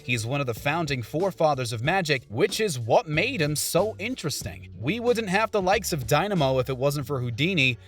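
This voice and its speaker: Lively male top ten countdown narrator. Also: fairly high pitch, a little fast, few pauses, faint music behind.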